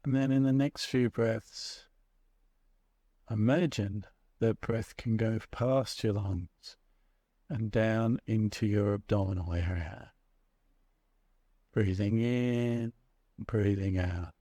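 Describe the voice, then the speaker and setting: A man narrating a guided meditation as a guide, speaking in a measured, soothing way with pauses between short phrases. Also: on the low side, mellow, no echo.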